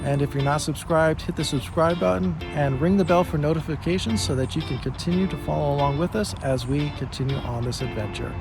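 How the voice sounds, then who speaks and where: A man's voice: a little high, a little fast, few pauses. A man narrating a casual travel vlog, talking to viewers as he goes. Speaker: travel vlogger. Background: music.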